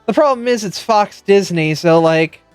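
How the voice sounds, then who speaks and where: A man's voice: sits high, animated, normal speed, smooth, no room sound, faint music behind. A man chatting casually while streaming a game, swearing freely and restarting his sentences. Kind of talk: casual gameplay chat.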